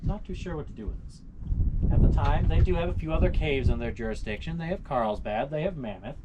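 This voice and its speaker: A man giving a storytelling guided tour to a group outdoors, theatrical and folksy, with rhetorical questions and dramatic pauses. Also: a little high, animated, muffled recording. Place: outdoors on a mountainside. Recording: noisy live outdoor recording with clicks.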